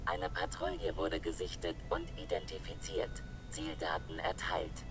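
A man's voice: low-pitched, fairly even intonation, measured pace, creaky, noisy background. A man voicing an emotionless analytical robot in a video game, in clipped formal phrases through a robotic filter. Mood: detached, analytical. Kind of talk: scripted game dialogue. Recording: music behind the voice.

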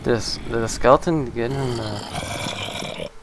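Young man, gaming commentary, swearing, exasperated, middling pitch, noisy recording. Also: slow pace. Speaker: gaming video host. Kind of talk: profane Let's Play commentary. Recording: noticeable background noise.

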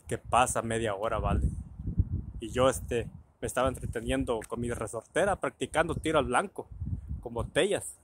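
A man tells a loose, rambling story from his childhood, mid-pitched and plain-voiced. His talk is colloquial and salted with swearing, and he slips into the voices of the people in his tale. A faint hiss sits under the recording. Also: normal speed. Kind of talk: casual anecdote telling.

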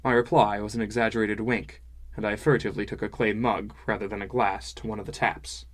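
A man narrating a fantasy audiobook in a measured, wry first-person style. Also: on the low side, level tone.

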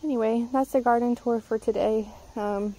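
A woman's voice: on the high side, steady tone, normal speed, mellow, rough recording. A woman giving a casual, rambling tour of her garden outdoors, filming on a handheld phone. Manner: chatty, rambling, with frequent ums. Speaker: gardening vlogger. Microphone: handheld phone camera.

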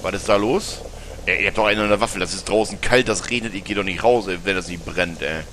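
A man's voice: quick pace, a bit bright, a little hiss or hum. A German man doing let's play commentary, chatty and teasing, talking back at the characters in the game as he plays. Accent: German, with northern colloquial speech. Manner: breaks into high-pitched laughter.

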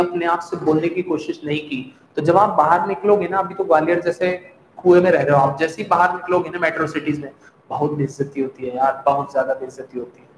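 A man's voice: high-pitched, a little hiss or hum. A young man teaching a spoken-English class with a Hindi accent, chatty and reassuring, drilling pronunciation by having students repeat words. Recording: echoey room with long reverb.

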